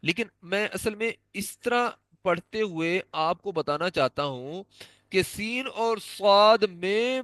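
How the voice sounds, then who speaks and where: A man's voice: high-pitched, fairly bright tone, no room sound. A man teaching Quran recitation, patiently explaining and repeatedly demonstrating how to pronounce letter sounds. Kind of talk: pronunciation lesson.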